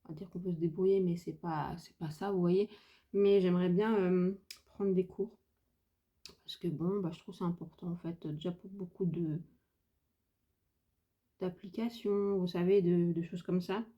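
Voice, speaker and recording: A woman's voice: fairly low pitch, steady tone, normal speed, lo-fi sound. Chatty hesitant French woman vlogger. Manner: chatty, hesitant, thinks aloud with many fillers. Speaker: beauty vlogger. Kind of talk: casual makeup tutorial chat.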